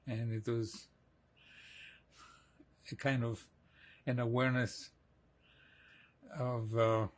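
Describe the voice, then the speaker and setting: A man in his eighties from Greece, slowly and reflectively recalling his childhood in an oral history interview, with soft laughs. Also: medium pitch, little pitch movement. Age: 80s.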